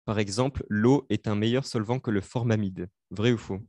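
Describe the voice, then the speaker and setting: Young male student tutor, lowish voice, dry close computer mic, halting delivery full of fillers, live online revision. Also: steady tone, darkish tone, dry recording. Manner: hesitant, many fillers, explains step by step.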